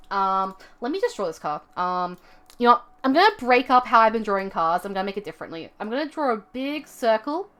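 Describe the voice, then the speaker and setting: A young woman chats to her live stream as she sketches. Her voice sits a little high, and she wanders through her story with plenty of fillers and asides. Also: fairly bright tone. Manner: rambling, with many fillers and asides. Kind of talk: casual storytelling while drawing on stream.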